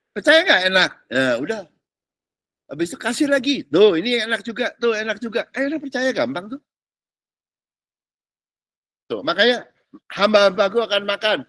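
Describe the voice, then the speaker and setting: A man preaching a casual teaching sermon as a pastor. He talks in lively colloquial bursts and keeps checking whether listeners follow. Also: high-pitched, no room sound. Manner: animated, colloquial, peppered with English words and "ngerti nggak?".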